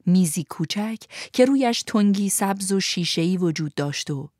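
A woman narrating a storybook aloud, gently and expressively, speaking to young listeners. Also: medium pitch, animated, no room sound, clean studio sound. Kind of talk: storybook reading.

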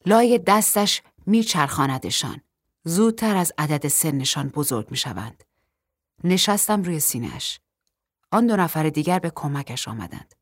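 Woman audiobook narrator, low husky voice, dry close sound. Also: animated, no room sound. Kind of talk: scripted first-person novel narration.

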